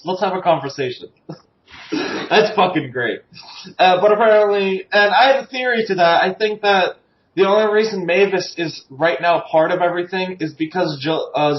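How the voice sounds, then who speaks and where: A man hosting a casual fan podcast, talking in a crude, sarcastic way and swearing freely. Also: fairly high pitch. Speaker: podcast host. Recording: muffled lo-fi audio in an echoey room.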